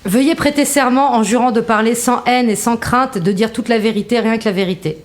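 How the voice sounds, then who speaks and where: Comédienne en présidente de cour ferme et formelle. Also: female voice, fairly high pitch, fairly quick, lightly acted. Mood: formal, composed. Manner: formal, authoritative. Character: firm, formal female presiding judge.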